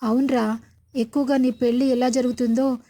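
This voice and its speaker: Woman reading cheeky younger sister, playful teasing, high mellow voice. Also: level tone, normal speed.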